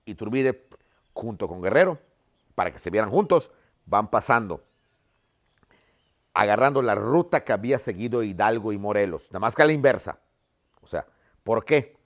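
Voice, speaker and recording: A man's voice: fairly low pitch, normal speed, pauses often. A man, a history teacher, giving a vivid storytelling lesson and often checking in with "¿ok?". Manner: keeps adding "¿ok?" as a check-in; vivid, animated retelling.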